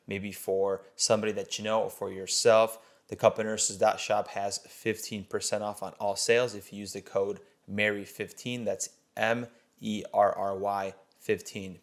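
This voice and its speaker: A man hosting a podcast reads the opening and announcements in an upbeat, announcer-like manner. His voice is low and stays fairly level in pitch. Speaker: podcast host. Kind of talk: scripted show intro.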